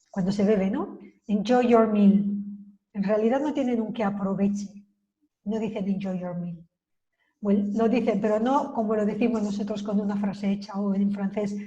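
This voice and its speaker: A woman whose first language is Spanish gives a casual language lesson and repeats each English phrase patiently so it can be copied. Her voice is mellow and warm, at an ordinary pitch for a woman. The recording is a little dull and lo-fi. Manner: explains slowly, repeats English phrases to model pronunciation. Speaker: language teacher.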